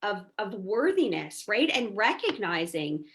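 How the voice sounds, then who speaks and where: A woman guest on a podcast, a mindset coach, telling stories in a chatty, animated way and often asking "right?". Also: medium pitch, a little slow. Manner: chatty, animated storyteller, peppers speech with "like" and "right?". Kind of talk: casual podcast conversation.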